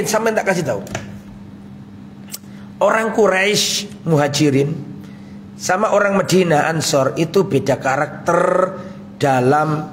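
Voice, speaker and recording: A man delivers a relaxed sermon in a fairly high voice, often asking his listeners questions and answering them himself. Faint room ambience sits behind him. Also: a little hiss or hum. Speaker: ustadz giving a religious study talk. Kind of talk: casual sermon with questions to the audience.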